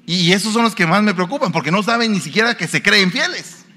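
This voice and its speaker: A man's voice: sits high, animated, fast, sharp tone. A male pastor, preaching a sermon and putting questions to the congregation. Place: church. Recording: reverberant church hall.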